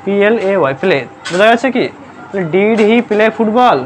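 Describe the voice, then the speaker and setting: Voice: mid-range voice, lively intonation, moderate pace, faint music behind. A grammar teacher giving a live classroom lesson, constantly quizzing pupils, checking they understand and spelling words out letter by letter. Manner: sternly scolds noisy pupils.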